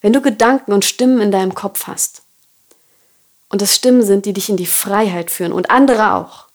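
A woman hosting a podcast, telling a personal faith story and reflecting on it in an earnest, softly confiding way. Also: medium pitch, normal speed. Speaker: podcast host.

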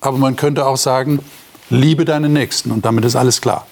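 A man's voice: medium pitch, fairly even intonation, brisk, gravelly, darkish tone. A man leading a casual Bible discussion, asking questions of the group with frequent hesitant fillers. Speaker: discussion leader.

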